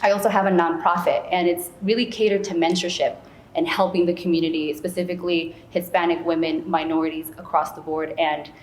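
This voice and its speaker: This Peruvian-born woman, raised in the United States, speaks briskly in a lowish voice with little pitch movement as an interview guest. She answers in a chatty, conversational way full of small asides, in an echoey room with faint noise behind her.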